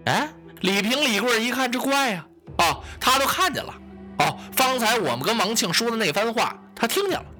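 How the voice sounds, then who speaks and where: A man narrating a traditional story in a lively, dramatic way, voicing the sound effects himself. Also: very high-pitched, a little fast, soft background music.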